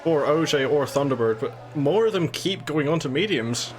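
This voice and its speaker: A man's voice: a little high, animated, moderate pace. A man working as a motorsport commentator, giving factual play-by-play of a live race.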